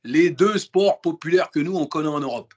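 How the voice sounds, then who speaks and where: The audio has its highs cut off, and the man's slightly rough, higher voice moves at a normal speed. Being interviewed, he talks casually and emphatically in slang, with frequent restarts and repeated words.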